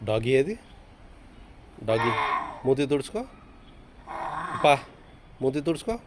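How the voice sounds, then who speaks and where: A parent gently coaxing a toddler son, repeating short questions and simple commands on an outdoor rooftop. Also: mid-range voice, big pitch swings, takes it slowly, background noise. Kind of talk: casual home video chat with a small child.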